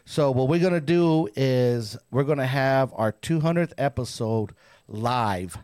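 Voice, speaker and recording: A man's voice: mid-range voice, a little slow, darkish tone, smooth. Frat-bro man chatting as podcast co-host. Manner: slangy frat-bro talk, says "bro" and "man" often. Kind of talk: casual chat.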